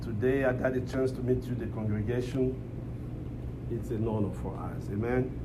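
A male preacher with a Congolese accent addresses a church in English, which is not his first language. He repeats phrases and calls for amens, his mid-pitched voice caught in a clearly noisy live recording. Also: normal speed. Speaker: visiting pastor. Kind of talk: church preaching and prayer with call-and-response.

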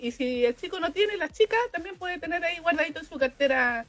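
A woman with a Chilean accent co-hosting a casual podcast, talking emphatically with laughs and quick restarts. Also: very high voice, animated, a bit bright. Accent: Chilean Spanish. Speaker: podcast co-host. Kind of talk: casual chat.

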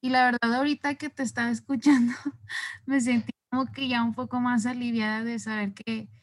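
A woman's voice: fairly high pitch, little pitch movement, brisk. A young woman, a psychology student asking a question on a video call in a chatty, rambling way.

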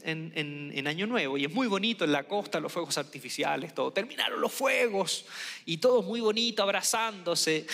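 A man's voice: high voice, a bit bright. A man from Chile giving a lecture-style talk, telling stories and repeating key points for emphasis. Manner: storytelling, emphatic repetitions. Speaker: speaker. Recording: long hall reverb.

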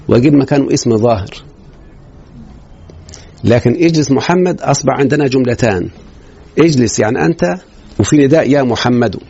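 Egyptian man, grammar teacher, quick talker, gravelly, lo-fi recording. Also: mid-range voice, mellow. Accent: Egyptian Arabic. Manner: quizzes students with rhetorical questions. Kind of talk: grammar lesson. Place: classroom. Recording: dull lo-fi recording.

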